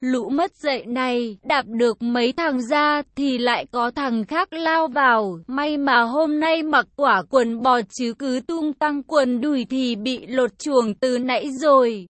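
A woman narrating a first-person story in a lively, colloquial way. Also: high-pitched, measured pace, few pauses, no room sound.

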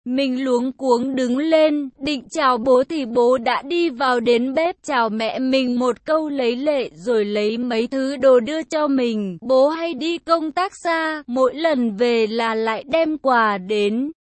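A woman narrating a first-person story in a lively storytelling manner, as a schoolboy telling of his home life. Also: sits high, no echo. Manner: slow, lively storytelling with acted quotes.

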